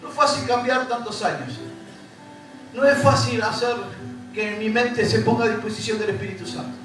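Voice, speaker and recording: This pastor from Uruguay, speaking with a Rioplatense Spanish accent, has a very high, expressive voice at normal speed. He preaches with repetition and rising emphasis, talking straight to his congregation, captured far off in an echoey church hall backed by music.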